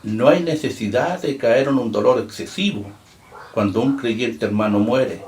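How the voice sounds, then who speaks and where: A man preaching a sermon as pastor. He reads scripture aloud with emphasis, slowing down and lifting his voice on key words. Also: medium pitch, darkish tone. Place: church. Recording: echoey room.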